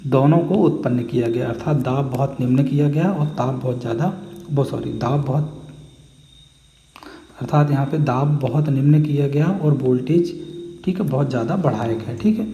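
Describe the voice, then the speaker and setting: A man's voice: medium pitch, moderate pace, pauses often, dark tone, dull audio. A man with a Hindi accent teaching a chemistry class. He explains step by step, checks in often to ask if the class follows, and answers his own questions. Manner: explains step by step with constant "theek hai" check-ins. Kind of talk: chemistry lesson. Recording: echoey room with long reverb, faint background noise.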